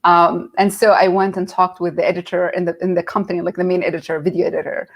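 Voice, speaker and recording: A woman's voice: lowish voice, fast talker, gravelly. A middle-aged woman from Nazareth, a guest telling her career story in a casual interview and acting out quoted voices. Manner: animated, acts out quoted voices.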